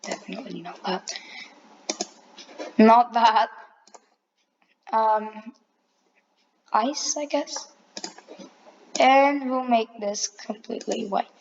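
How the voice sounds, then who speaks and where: Slow-talking young-sounding woman tutorial voice. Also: on the high side, lo-fi sound, a little hiss or hum. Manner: relaxed, self-correcting, chatty asides. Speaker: tutorial maker. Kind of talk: casual screen-recorded tutorial.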